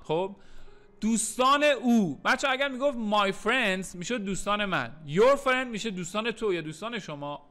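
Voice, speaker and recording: A man teaching English in a recorded lesson, repeating English phrases slowly and then explaining them, with playful joking asides. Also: sits high, sharp tone. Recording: faint music underneath.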